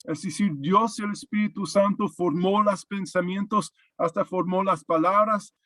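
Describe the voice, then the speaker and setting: Man, higher-pitched voice, earnest devotional preacher who questions his listeners, dry close sound. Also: steady tone, measured pace, fairly bright tone, no echo. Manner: questioning, earnest, with many hesitations and repeated words. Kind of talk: devotional talk to camera.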